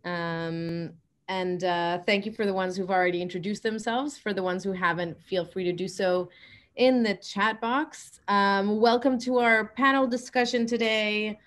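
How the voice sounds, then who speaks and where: A woman's voice: mid-range voice, fairly even intonation, measured pace, a bit bright. Woman, panel moderator on a video call; hesitant, lots of ums and uhs. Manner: hesitant, many fillers. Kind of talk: webinar hosting.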